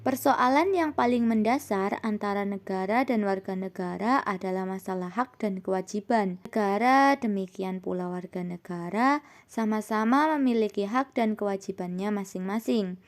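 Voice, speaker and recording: A young woman, a university student, presenting a scripted lesson in a steady reading voice that rises on her points. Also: mid-range voice, normal speed. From Indonesia. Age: young adult.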